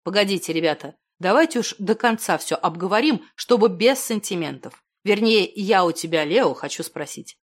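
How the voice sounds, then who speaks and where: A woman's voice: medium pitch, lively intonation, normal speed, hardly any pauses, close to an everyday voice. A woman reading an audiobook, voicing a blunt, skeptical man who grumbles and questions. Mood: earnest.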